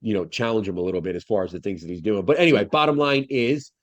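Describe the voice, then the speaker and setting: Over a video call, a man co-hosting a podcast chats casually in a lowish, fast voice that sounds congested through the nose. He rambles and swears, with plenty of fillers and restarts, in a dry recording.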